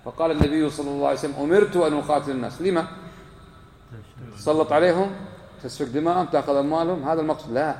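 A man's voice: a little high, rapid-fire, a little mellow, a little hiss or hum. A man giving a religious lesson to a live class, quizzing his listeners and repeating key points for emphasis. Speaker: religious teacher. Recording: echoey hall with long reverb.

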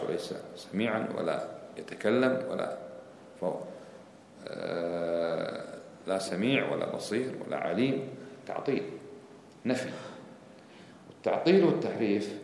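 A man's voice: fairly low pitch, darkish tone, a little hiss or hum. A man giving a religious lesson. He explains step by step, counts off his points and quizzes his listeners with rhetorical questions. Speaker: religious teacher. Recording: echoey hall with long reverb, faint background ambience.

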